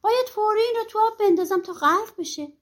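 A woman's voice: very high-pitched, voice pushed up. A woman doing a sly, crafty peasant lad. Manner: playful, crafty tone. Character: sly, cheerful young peasant man.

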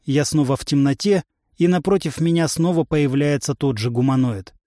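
A man narrating a first-person fantasy story in an even, wry storytelling manner. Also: a little high, moderate pace, dry recording, studio quality. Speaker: audiobook narrator.

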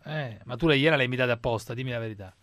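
A man's voice: medium pitch, racing, fairly bright tone, no echo, clean studio sound. A man hosting a call-in radio show, brusque and needling with his callers. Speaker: radio host.

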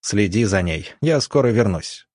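A man's voice: on the low side, lively intonation, a little slow, darkish tone, slightly rough, dry recording, clean studio sound. A man reading aloud and voicing a field doctor who gives firm, terse commands. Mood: commanding. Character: calm authoritative field doctor, middle-aged man.

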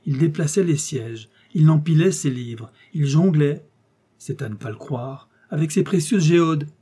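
A man narrating a classic adventure novel in the first person, with expressive, measured storytelling. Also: fairly high pitch, husky. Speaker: audiobook narrator.

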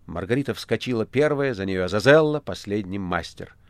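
Male audiobook narrator, expressive, fairly low voice, dry close sound. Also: brisk, dry recording. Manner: dramatic, expressive. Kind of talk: literary audiobook reading.

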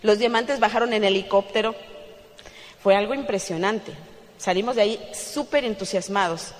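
A woman's voice: mid-range voice, moderate pace. Mexican lady telling her story at a convention, acts out the dialogue, laughs a lot, big echoey hall. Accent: Mexican Spanish. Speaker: speaker at a business convention. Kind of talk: testimonial speech to an audience. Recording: long hall reverb.

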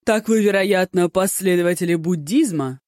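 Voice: mid-range voice, moderate pace, darkish tone, no echo, clean studio sound, close to an everyday voice. A narrator voicing a flamboyant tipsy poet. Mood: effusive. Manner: effusive, theatrical, self-satisfied.

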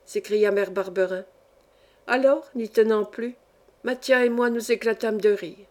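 A woman narrates a classic novel aloud in measured, expressive storytelling. Her voice sits somewhat high for a woman. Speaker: audiobook reader.

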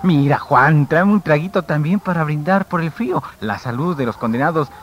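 A man's voice: on the high side, moderate pace. An actor playing a mischievous young male student prankster, teasing and irreverent, heard as an old radio show broadcast. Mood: mocking. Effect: old radio show broadcast sound. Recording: muffled old radio recording with faint hiss.

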